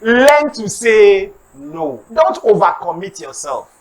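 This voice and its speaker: A Nigerian preacher delivers a motivational sermon, sliding between English and Pidgin asides. The voice swoops through a wide, lively pitch range as he acts out comic street scenes. He keeps calling on the congregation to repeat lines back to him. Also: takes it slowly, poor audio. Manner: animated, acts out comic street scenes, calls for audience response. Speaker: preacher giving a motivational talk.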